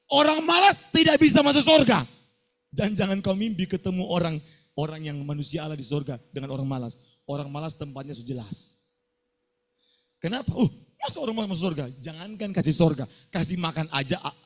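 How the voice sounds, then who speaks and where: Fiery, high-pitched preaching man. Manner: scolding, fiery preaching with call-and-response questions. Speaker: pastor. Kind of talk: sermon.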